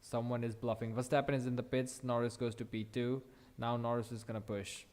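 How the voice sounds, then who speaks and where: A young man reacting live as he watches a race, thinking aloud, excited and swearing now and then. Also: medium pitch, brisk. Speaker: watch-along race commentator.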